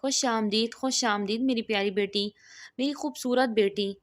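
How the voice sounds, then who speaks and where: A woman's voice: fairly high pitch, fairly even intonation, lightly acted. A woman reading as a doting elderly matriarch. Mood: loving. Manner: doting, scolding fondly. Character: affectionate elderly matriarch of the manor.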